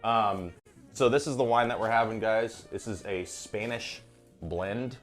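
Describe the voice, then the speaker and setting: A man's voice: lowish voice, measured pace, soft background music. A man hosting a home cooking livestream from his kitchen, tipsy on wine and joking around with lots of swearing. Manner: profane, joking banter. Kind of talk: casual cooking stream chat.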